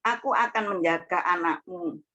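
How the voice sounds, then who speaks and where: A kindly, fatherly God who gently chides and then reassures, as a woman puts on his voice with a slight lift. The voice sounds bright and forceful. The recording is dull and lo-fi. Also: lowish voice, normal speed. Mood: reassuring.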